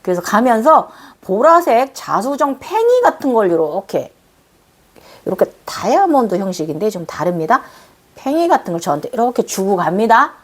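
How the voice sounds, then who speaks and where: Animated woman with lively swooping pitch. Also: normal speed. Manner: animated and exclamatory, cooing fondly; explains with gestures and repeats phrases. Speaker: spiritual channel host. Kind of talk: casual spoken account of a dream to viewers.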